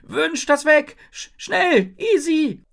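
A woman voicing a bubbly, chatty young girl genie in an audiobook, giggly and quick with her words. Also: fairly low pitch, wildly swooping pitch, pitched above the performer's own voice, heavily acted. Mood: panicked. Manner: giggly, fast talking, squeals when scared. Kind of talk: audiobook character voice.

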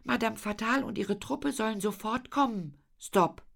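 A woman's voice: on the high side, unhurried, vocal fry, fairly bright tone, voice pushed up, exaggerated voice. A woman voicing a sensible young girl who speaks in a matter-of-fact way.

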